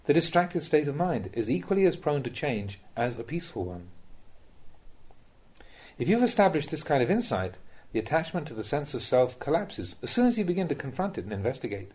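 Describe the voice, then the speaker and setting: Speaking as a monk, this man reads aloud a Dhamma talk in a voice that's slightly husky, a touch mellow, and a bit high. He sounds very animated, yet keeps a measured, teaching manner aimed directly at the listener.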